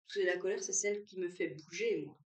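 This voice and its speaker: Animated woman, roomy and distant. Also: lowish voice, fast talker. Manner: animated, acts out what others say. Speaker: guest sharing her story. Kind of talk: casual chat. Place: room at a brunch. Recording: roomy sound, away from the mic.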